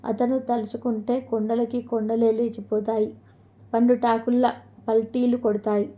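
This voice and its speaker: A woman voicing a wise old male sage in a spoken storybook, in a calm, even tone. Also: fairly high pitch, normal speed, highs cut off, natural voice.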